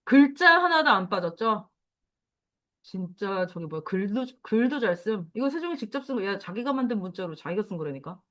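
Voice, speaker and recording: A woman teacher giving a lively, chatty lecture to middle schoolers, talking straight to the class and drawing out key words slowly. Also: mid-range voice. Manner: lively, chatty, addresses students directly.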